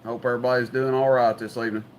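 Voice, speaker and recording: Racing along with a flat delivery, the medium-pitched Southern man chats folksily over CB radio while hosting his evening livestream, a little hiss or hum audible behind him.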